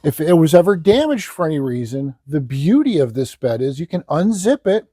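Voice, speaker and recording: Male infomercial presenter: relaxed, mellow tone, hard-sell ad copy delivered with emphasis, very dry recording. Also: on the high side, moderate pace, breathy edge, no room sound. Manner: hard-sell, emphatic, repeats selling points. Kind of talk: sales pitch, product demonstration.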